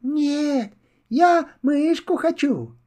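A small weepy kitten boy in a bedtime storybook, speaking in a high, whiny, childish voice, put on by an older man. The pitch swings widely and the delivery is slow. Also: lively intonation, a little mellow, full character voice.

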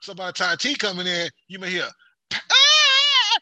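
A man with a high, very bright voice tells childhood stories in a loose, profane chat. He acts out the voices of his mother, his father and himself as a kid. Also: fairly even intonation, fast talker. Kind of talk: casual storytelling chat.

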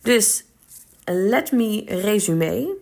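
Chatty woman with a gravelly edge. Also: medium pitch, lively intonation, extremely slow, a little mellow. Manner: chatty, laughs often, many fillers. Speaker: coach. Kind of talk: podcast advice talk.

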